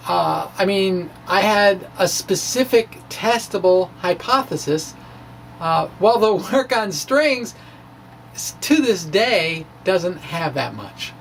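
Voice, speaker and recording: An amateur physicist and blogger gives a dramatic reading of his own science blog, telling the story conversationally and hesitantly with wry, self-deprecating humor. His voice is high-pitched and gravelly, with lively intonation and a slow pace, and there's slight background noise.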